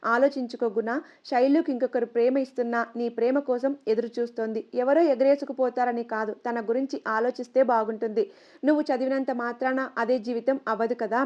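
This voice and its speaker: A woman's voice: fairly high pitch, steady tone, brisk, darkish tone, highs cut off, lightly acted. A woman narrator voicing a caring middle-aged aunt who gives earnest, persuasive advice.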